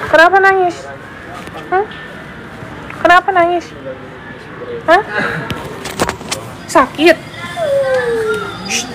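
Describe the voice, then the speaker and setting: A woman talks slowly in a high voice on a phone live stream. She teases the people around her and coaxes a small child gently. Road and vehicle noise runs clearly under the recording. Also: fairly even intonation, rough recording. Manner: teasing, then coaxing and soothing a crying child. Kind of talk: casual live-stream chat.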